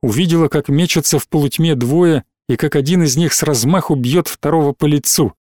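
A man narrating an audiobook in a steady, dramatic reading style. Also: on the high side, a little fast, no room sound, clean studio sound.

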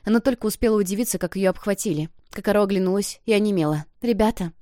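Woman narrator, expressive audiobook reading, middle pitch, dry close recording. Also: racing, dry recording. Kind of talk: scripted narration.

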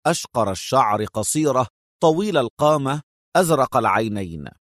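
A man narrating a spy thriller as an audiobook in an even, dramatic storytelling manner. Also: medium pitch, no echo, studio quality.

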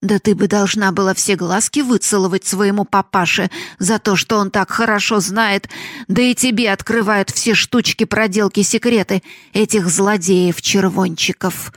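A man's voice: sits high, steady tone, moderate pace, fairly bright tone, no echo, clean studio sound. Woman voicing a greedy old miser father. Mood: wheedling. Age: older. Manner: coaxing then bellowing, whispers about gold. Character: miserly old male cooper, greedy, wheedling and tyrannical. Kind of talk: audiobook reading.

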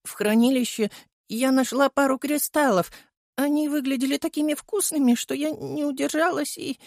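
A man's voice: very high voice, fairly even intonation, normal speed, vocal fry, dry recording, studio quality, voice pushed up. A man voicing a cheerful, chatty, childlike female golem who whines and gushes in an audiobook. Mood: sheepish. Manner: gushing, whiny, childlike. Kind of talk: audiobook character voice.

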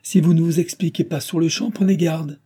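A man's voice: fairly high pitch, fairly even intonation, a little fast, dark tone, slightly rough, voice pushed up. A man voicing a proud, disdainful young noblewoman in an audiobook reading. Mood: commanding. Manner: imperious, disdainful. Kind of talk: audiobook character voice.

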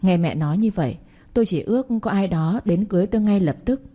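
A young woman narrating a first-person story in an audiobook with calm, earnest storytelling. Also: mid-range voice, fast. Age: young adult.

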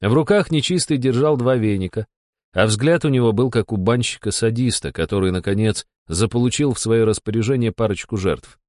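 A man narrating a first-person story with a steady, wry delivery. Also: fairly low pitch, brisk, dry recording, studio quality.

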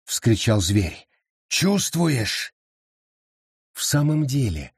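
A man narrating an audiobook in a measured, steady storytelling manner. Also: mid-range voice, breathy edge, no room sound, studio quality. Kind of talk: scripted narration.

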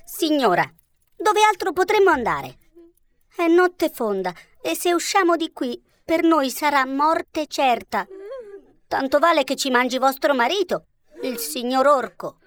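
A woman's voice: sits high, lively intonation, a little slow, fairly bright tone, no room sound. A woman voicing a small, brave boy in a storybook reading, earnest and pleading.

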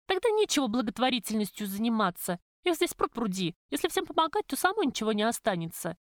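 Brief: fiery bitter young waitress, high and loud, as a woman reads her. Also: big pitch swings, fast talker, no echo, clean studio sound. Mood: indignant. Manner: indignant, raised voice.

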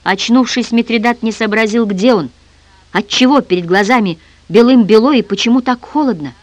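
An audiobook reader giving a dramatic, expressive narration. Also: medium pitch, normal speed, dry recording. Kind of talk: scripted narration.

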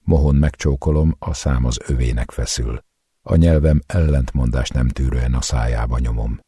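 A man's voice: rumbling low, dark tone, husky, dry recording, clean studio sound. A man reading a first-person novel aloud as an audiobook narrator, with an intense, dramatic delivery.

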